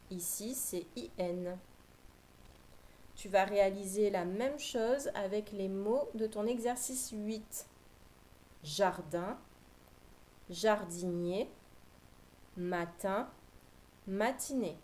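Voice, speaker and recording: Woman teacher, mellow, unhurried; patient phonics drill for small kids, faint hiss behind. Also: mid-range voice, low-quality recording. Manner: slow, clear, patient dictation. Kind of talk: phonics lesson for young children.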